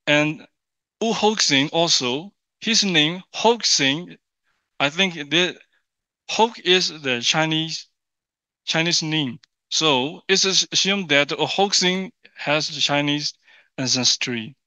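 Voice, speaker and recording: A man with a Burmese accent presenting an academic paper in English, halting and often repeating and rephrasing his words. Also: on the high side, sharp tone. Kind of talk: formal paper presentation in non-native English. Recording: dull, echoey room sound.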